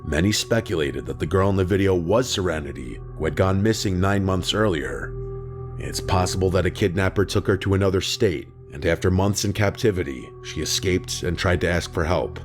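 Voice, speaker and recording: A man reading a scripted true-crime narration in an even, measured way, close to the mic. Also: low-pitched. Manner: even, measured storytelling delivery. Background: music bed.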